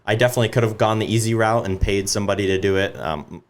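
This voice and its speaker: A young man with a very low voice talks casually as a podcast guest. He is relaxed and loose, and he fills his sentences with ums and likes. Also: rapid-fire. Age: young adult. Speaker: guest business owner. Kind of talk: casual interview talk.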